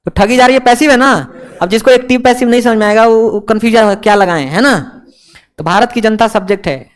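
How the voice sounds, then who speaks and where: A man's voice: high-pitched, fast. A man teaching a grammar lesson to a live classroom, often checking that students follow and teasing them. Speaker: English teacher.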